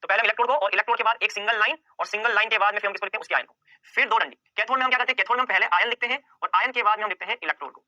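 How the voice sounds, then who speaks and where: A man's voice: high voice, very fast, bright, forceful tone, dry recording, dull audio. A male chemistry teacher giving an exam-prep lecture, firing off questions and answering them himself and repeating key points over and over.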